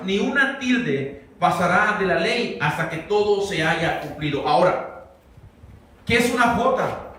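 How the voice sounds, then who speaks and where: A man's voice: high-pitched, a bit bright. A pastor teaching a verse-by-verse Bible sermon, talking conversationally and quizzing his congregation. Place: church sanctuary. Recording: very echoey hall, mic far off.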